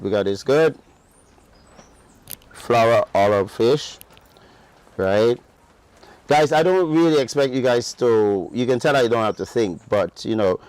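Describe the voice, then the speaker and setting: A Guyanese man with a partly English accent hosts a cooking show as a chef, chatting his way through a step-by-step demonstration and often checking in with the viewer by asking "right?". His voice is fairly low and darkish, with no echo.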